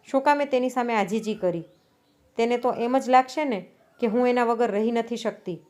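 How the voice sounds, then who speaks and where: A headstrong young wife snaps her words out sharply, proud and quick to anger, as a woman narrator takes her part. The voice sits somewhat high. It is a storybook reading. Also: darkish tone, natural voice. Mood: angry.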